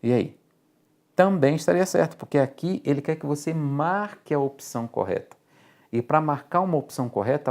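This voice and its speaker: Dark-voiced Brazilian logic teacher. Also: male voice, a little high. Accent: Brazilian Portuguese. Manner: explains step by step, often checks in with "ok?" and "tá?". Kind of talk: exam-prep lecture.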